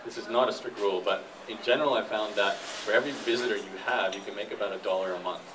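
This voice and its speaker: The speaker is a man with a lowish voice, steady in tone and quick in pace, recorded on a distant mic. As a guest speaker, this internet entrepreneur and blogger explains things informally and answers questions amid the noise of a live room.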